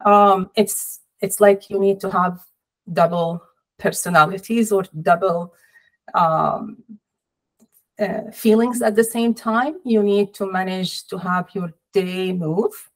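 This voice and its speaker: Middle-aged woman, interview guest, video call audio, slow and deliberate, sorrowful tone, small indoor room. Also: mid-range voice, steady tone, low-quality recording. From Palestinian, family in Jordan. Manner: measured, sorrowful, deliberate pauses. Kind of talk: personal interview. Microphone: laptop or webcam on video call.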